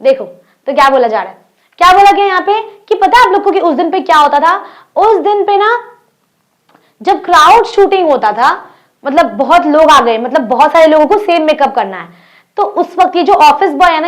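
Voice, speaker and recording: A young woman teacher with an Indian accent, explaining an English textbook story in Hindi, reading the English lines slowly and asking her students questions. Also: high voice, animated.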